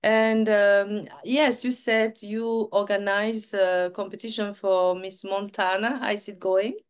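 A woman's voice: mid-range voice, steady tone, unhurried, smooth. A woman, hosting an interview over a video call and giving short affirming replies. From Cameroon. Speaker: host. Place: home setup with virtual background.

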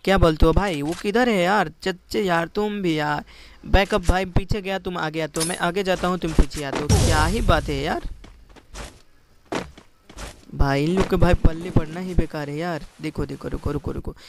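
A man commentating his shooter game to viewers, excitable and repeating his words. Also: fairly high pitch, moderate pace, vocal fry. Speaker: gaming YouTuber. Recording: loud background noise.

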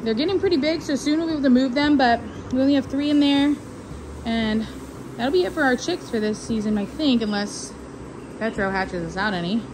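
Holding her phone out at arm's length, a heavily pregnant young vlogger talks breezily to her audience and the animals around the barn and pasture, both indoors and out. Her high-sitting voice moves a little fast over a noisy background.

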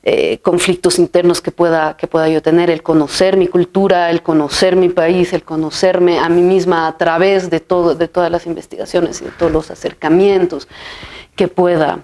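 A Bolivian filmmaker and writer in her thirties, seated in an armchair in a bright room with a plain wall, answers interview questions thoughtfully. Her voice is on the low side, a little mellow, with a flat delivery at a moderate pace. She often restarts phrases, uses many fillers and ends phrases with "¿no?".

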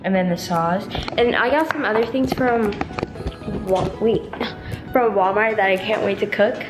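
A woman's voice: mid-range voice, normal speed. A young woman vlogging as she cooks in a large home kitchen, explaining each step in a chatty way. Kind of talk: casual cooking vlog. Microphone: handheld camera, at times set down further away. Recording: echoey kitchen with music behind.

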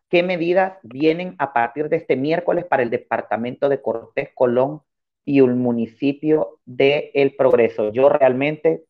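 A man, hosting a chat and reading viewer comments aloud one after another. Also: a little high. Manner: reads comments in a steady run. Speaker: host. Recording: dull lo-fi sound.

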